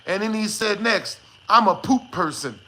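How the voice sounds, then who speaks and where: A man's voice: high voice, lively intonation, moderate pace, pushed and bright. A man live-streaming, chatting casually with his viewers in a joking, slangy way and swearing freely. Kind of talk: casual livestream chat with viewers.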